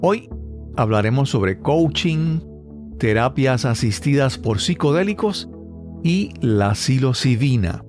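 Slow announcer voice over music. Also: male voice, mid-range voice, animated, a little mellow. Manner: measured, deliberate announcing. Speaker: podcast announcer. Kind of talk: scripted intro narration.

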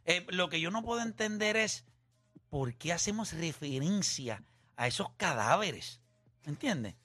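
A man hosting a sports talk radio show, loud and teasing in banter with his co-hosts and callers. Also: on the high side, expressive, measured pace, faint music behind.

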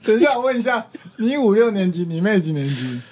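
A man's voice: high voice, sing-song, quick pace, darkish tone, a little hiss or hum. A man with a Taiwanese Mandarin accent co-hosting a podcast, chatting casually and teasing with questions. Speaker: podcast co-host. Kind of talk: casual chat.

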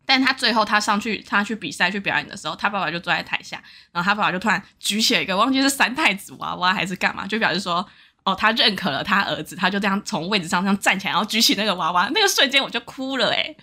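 A woman's voice: mid-range voice, animated, rapid-fire, pushed and bright. A young woman, co-hosting a podcast and telling stories in a chatty, laughing way. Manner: chatty storytelling, laughing often. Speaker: podcast co-host. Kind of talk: casual chat.

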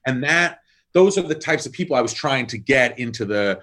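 A man in his thirties talking casually in an interview about his wine brand work, swearing often, rambling with lots of likes and ums, and jumping up in pitch for emphasis. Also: brisk. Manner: animated, jumps up in pitch for emphasis.

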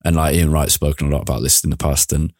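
A man hosting a casual football podcast, talking in a relaxed, rambling way with frequent restarts. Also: rumbling low, quick pace, no room sound, clean studio sound. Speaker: podcast host. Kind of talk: casual chat.

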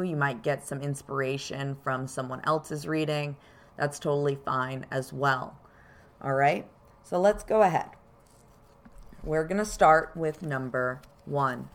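Slow-talking, low-pitched woman podcast host. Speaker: podcast host and card reader. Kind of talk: informal spoken explanation to listeners.

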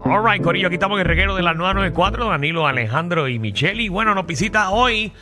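A man's voice: high voice, animated, fast talker, over music. A man with a Puerto Rican accent hosting a radio interview, upbeat and teasing. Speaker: radio host. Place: radio studio.

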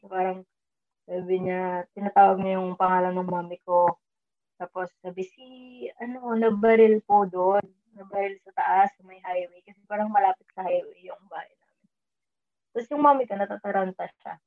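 A woman casually telling a personal story, mixing English into her talk and raising her voice when she quotes herself. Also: medium pitch. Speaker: storyteller sharing a dream experience. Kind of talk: casual chat. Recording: tinny phone-like line.

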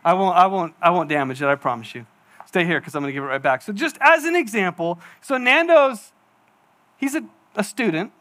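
His voice is high, pushed and bright, animated and a little fast. The man, a pastor in his forties, is preaching in a church hall, chatting away, joking at his own expense and playing out little asides in his stories.

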